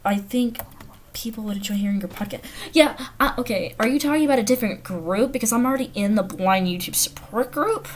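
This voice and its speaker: A woman with an American accent from the Carolinas hosts a livestream, her voice a little high and brisk. She chats informally and giggles while reading viewer comments aloud, and the home stream audio is noisy.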